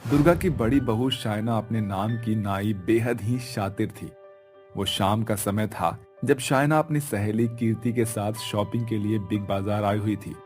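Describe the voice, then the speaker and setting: A man narrates a cartoon story with a low, mellow voice. His delivery is measured and even, that of a scripted storyteller. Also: soft background music.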